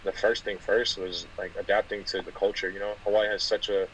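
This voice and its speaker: A young man from California, a guest football player, talking softly in a casual interview with lots of fillers. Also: lowish voice, flat delivery, a little fast, a little hiss or hum, rough recording. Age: 20s. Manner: soft-spoken, many fillers and restarts.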